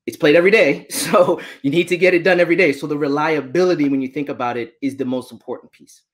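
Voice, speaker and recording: A man in his forties answering questions as a guest on a video call, talking with animated gestures from a small room at home. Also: on the high side, fast. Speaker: guest speaker, data engineer. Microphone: laptop webcam on video call.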